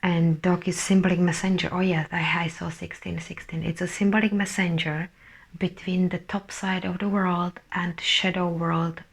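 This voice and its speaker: Low, flat, gravelly-voiced woman. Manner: halting, searching for words, often drops to a soft whisper. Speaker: spiritual channeller. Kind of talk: casual spiritual energy update.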